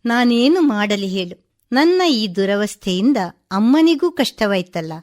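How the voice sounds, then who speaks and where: A woman's voice: mid-range voice, animated, measured pace, a little mellow, natural voice. A poor, bedridden father in a radio story, played by a woman narrator. He speaks in a plaintive, sorrowful way. The voice keeps close to the reader's own. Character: poor bedridden middle-aged father, grieving and grateful.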